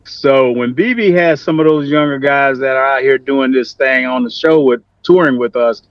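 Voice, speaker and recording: A man's voice: medium pitch, normal speed, no room sound. A man, a musician guest, speaking emphatically and plainly in a casual interview, heard through a video call. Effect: remote video call audio. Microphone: computer mic on a video call. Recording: muffled dry video call line.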